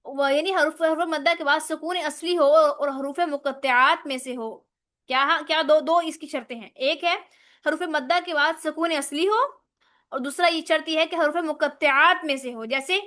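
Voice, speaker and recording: High-voiced woman teaching Quran recitation. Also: fairly bright tone. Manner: explains step by step, often asks "right?"; recites Arabic letters slowly and drawn out. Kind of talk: online tajweed lesson.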